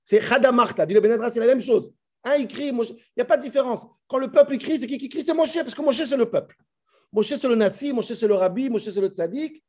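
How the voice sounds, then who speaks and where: Male scripture teacher, lively and emphatic, higher-pitched voice with a soft, dark timbre. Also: fast. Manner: dramatizes dialogue, switches to Hebrew recitation; addresses listeners directly, emphatic. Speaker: Torah teacher. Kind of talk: animated Bible class.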